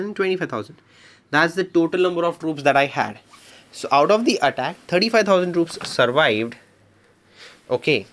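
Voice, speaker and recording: Male gaming host, somewhat high pitch, voice-over tutorial, explanatory and chatty. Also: a bit bright. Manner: explanatory, repeats points, addresses viewers as dear friends. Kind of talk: game guide walkthrough. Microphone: voice-over on screen recording.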